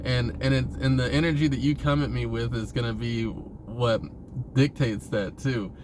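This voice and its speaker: In a mid-range, steady voice at a moderate pace, a man delivers a casual, rambling monologue about himself, cursing informally and chuckling now and then. The vlog recording carries clear vehicle-like ambient noise.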